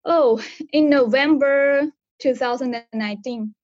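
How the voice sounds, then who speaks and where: A woman's voice: high-pitched, a little slow, darkish tone, no echo, lo-fi sound. A woman in her thirties from Kazakhstan, speaking English as an on a video call, hesitant and searching for words as she answers interview questions. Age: 30s. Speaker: interview guest. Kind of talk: casual interview.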